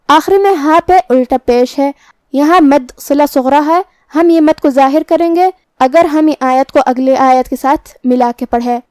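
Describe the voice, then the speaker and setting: A woman teaching Quran recitation rules, explaining pronunciation slowly and carefully. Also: high-pitched, a little mellow, no room sound. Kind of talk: tajweed lesson, explaining then reciting.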